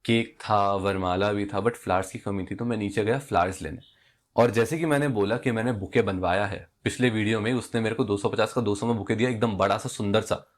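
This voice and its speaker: A young man telling a story from his day in casual chat, acting out both sides of the dialogue. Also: brisk. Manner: animated, acts out dialogue with rising pitch. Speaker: vlogger.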